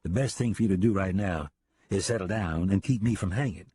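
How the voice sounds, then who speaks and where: A man voicing a sly prisoner calmly talking his captors into a plan, in an audiobook. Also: sits low, fairly quick, slightly rough, no room sound. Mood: coaxing. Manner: relaxed, coaxing. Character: sly jailed outlaw man.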